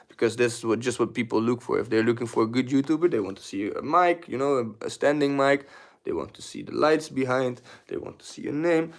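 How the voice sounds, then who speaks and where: A young man casually chatting on his livestream, rambling and repeating himself as he gives advice, with casual swearing. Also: medium pitch. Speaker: livestream host. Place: at home, sitting.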